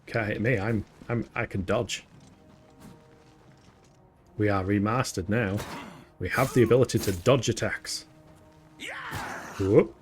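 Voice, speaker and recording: Man, game streamer, joking, chatty, slightly low voice. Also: fairly even intonation, takes it slowly, long pauses, soft background music. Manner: chatty, joking, laughs often. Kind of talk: casual gameplay commentary.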